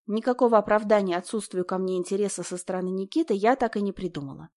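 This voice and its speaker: A woman reading a first-person story aloud as an audiobook narrator, in a steady, conversational storytelling manner. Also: mid-range voice, quick pace.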